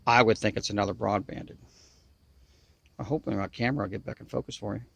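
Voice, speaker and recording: Out in the river bottoms, an outdoor video maker talks fast to the camera in a folksy Southern US drawl with a nasal twang. His fairly low voice is husky with vocal fry yet fairly bright in tone, and there's no room sound.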